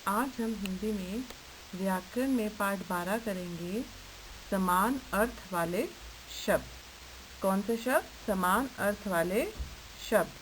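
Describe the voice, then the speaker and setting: A woman's voice: mid-range voice, slow, rough recording. A woman teaching an online lesson to young children, asking simple questions and answering them herself in a patient way. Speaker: primary school teacher. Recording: faint hiss.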